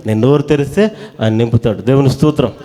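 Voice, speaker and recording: A man preaching a sermon in a church hall, pressing the congregation to call back their answers loudly. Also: mid-range voice, fast.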